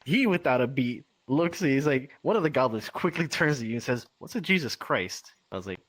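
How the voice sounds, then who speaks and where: A man's voice: mid-range voice, expressive, a little fast, no room sound, low-quality recording. A man telling tabletop game stories in a casual, rambling way, dropping in "right?" and swearing. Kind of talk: casual storytelling.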